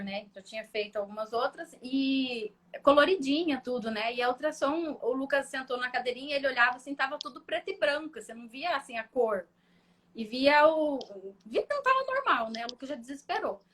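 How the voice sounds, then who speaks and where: A young woman, a guest in a live chat, telling a painful personal story in a halting, emotional way. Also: sits high, fairly bright tone. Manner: emotional, halting, full of fillers and restarts.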